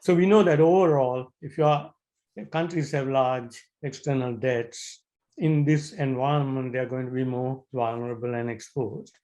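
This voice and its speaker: A man's voice: mid-range voice, fairly even intonation, normal speed, darkish tone, rough recording. A man from Sri Lanka speaking as a discussant on an academic panel, thinking aloud with many fillers and restarts over a video call.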